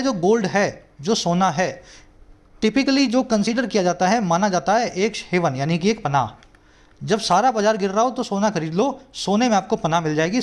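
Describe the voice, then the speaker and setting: A man with an Indian accent, teaching English by explaining a news article word by word, often checking that the class is following. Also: sits high. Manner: explains terms step by step, often checking "ठीक है"; reads English quotes slowly.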